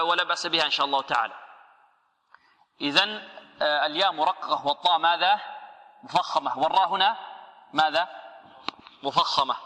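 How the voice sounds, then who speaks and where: A man giving a radio lesson on Quran recitation, asking questions and answering them himself and drawing out example words slowly. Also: on the high side, bright, forceful tone, in a large hall.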